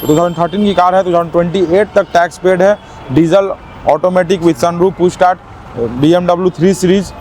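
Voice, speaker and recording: A man giving an eager, teleshopping-style car sales pitch, hammering points home by repetition. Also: fairly even intonation, brisk, a little mellow. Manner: eager teleshopping-style selling, emphatically repeating prices. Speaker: used-car dealer presenting stock. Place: outdoors at a car lot. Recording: noisy outdoor car-lot sound.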